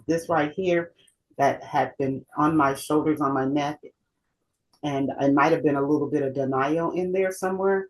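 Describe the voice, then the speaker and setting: A woman's voice: deep voice, poor audio. A middle-aged woman co-hosting a heartfelt conversation, reflective and emphatic, often repeating herself. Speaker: co-host.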